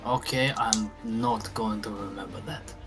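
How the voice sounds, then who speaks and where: A man playing a tabletop role-playing game, bantering casually in and out of character in a blunt, halting, joking way. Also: fairly low pitch, steady tone, over music.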